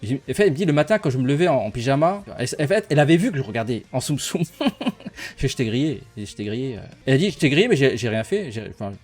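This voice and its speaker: A man's voice: mid-range voice, sing-song, racing, a little mellow, faint music behind. A young man casually telling a personal story to his viewers, rambling and playful, laughing often as he goes.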